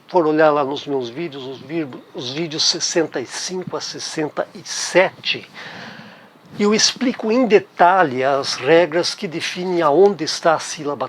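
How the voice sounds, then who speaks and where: Brazilian guy teaching a language class, talks real slow and patient, repeats words a lot. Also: a little high, a little hiss or hum. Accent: Brazilian Portuguese. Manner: patient, repeats key words, checks in with tag questions. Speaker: German teacher. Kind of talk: explanatory language lesson.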